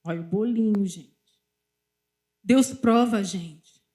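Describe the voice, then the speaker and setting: In a slow, mellow, mid-range voice, a middle-aged woman with a Brazilian Portuguese accent preaches a church sermon built on personal testimony. She tells her stories while often turning to speak directly to the congregation.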